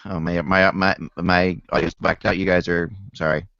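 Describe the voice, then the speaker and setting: A man's voice: low-pitched, level tone, normal speed, a bit bright, no room sound, highs cut off. A man on an online call whose audio crackles and distorts, apologizing as he sorts out the connection. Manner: apologetic, flustered by tech trouble. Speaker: hockey podcast panelist. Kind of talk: casual sports discussion over an online call. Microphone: computer mic on a video call.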